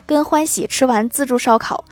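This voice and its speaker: Brief: bright-voiced woman host, higher pitch, reads comic jokes with lively, chuckling punchlines. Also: normal speed, no echo. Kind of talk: scripted comic joke storytelling.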